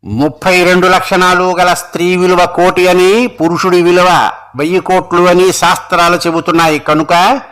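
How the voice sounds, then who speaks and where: Man doing a stern old brahmin, curt, commanding, bright and a bit lower. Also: level tone, normal speed, smooth. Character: harsh old male brahmin, stern and demanding.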